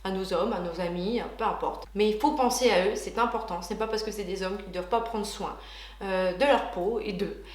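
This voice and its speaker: A woman's voice: medium pitch, steady tone, moderate pace, a little mellow, roomy sound. A woman beauty vlogger chatting casually and enthusiastically through a product unboxing, with frequent hesitations.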